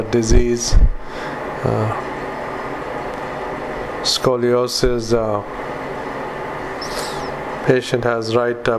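Guy doing medical dictation, super monotone, halting, says the punctuation, noisy background. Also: medium pitch. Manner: halting, flat, monotone delivery in short fragments. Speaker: psychiatric clinician dictating a patient note. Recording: clearly noisy recording with background ambience.

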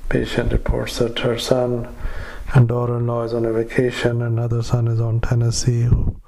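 Guy doctor dictating into a dictaphone, dead flat monotone, lots of uhs, faint hiss and clicks. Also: mid-range voice, creaky, poor audio. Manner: halting, many fillers, reads punctuation aloud. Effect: dictaphone recording. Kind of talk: medical dictation. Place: retirement community.

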